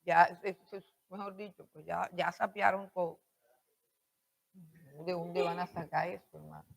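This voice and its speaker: A woman's voice: on the low side, steady tone, unhurried, vocal fry. A woman teaching a Bible school class on preaching, repeating her points and questioning her students.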